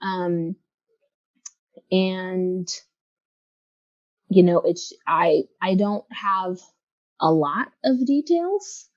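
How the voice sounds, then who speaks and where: A Los Angeles woman in her thirties, appearing as a guest in a casual interview, speaks reflectively with many pauses and fillers. Her pitch is fairly low, and the recording sounds dry and muffled.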